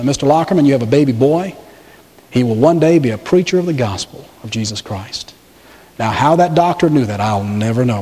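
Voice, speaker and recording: A middle-aged man from the American South preaching a sermon as pastor, animated and acting out the voices he quotes. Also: in a large hall. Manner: animated, acts out quoted voices with pitch swings.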